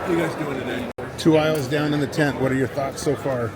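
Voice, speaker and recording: A man's voice: fairly high pitch, fairly even intonation, a little fast, a loud crowd. A man hosting a travel vlog, giving easygoing commentary while walking through a busy outdoor RV show. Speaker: vlog host. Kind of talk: casual walk-through commentary. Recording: noisy outdoor camera audio.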